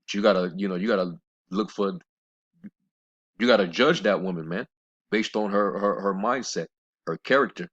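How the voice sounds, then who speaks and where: A deep-voiced religious commentator, his tone slightly bright, meanders through his take on scripture with many fillers, restarts and curt, contemptuous remarks. He reads the passages themselves slowly and deliberately. The recording sounds muffled and lo-fi.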